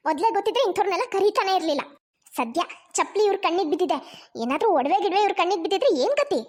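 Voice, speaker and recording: A woman's voice: very high voice, animated, racing, darkish tone. A woman voicing a haughty, scolding middle-aged mother of the bride in a cartoon.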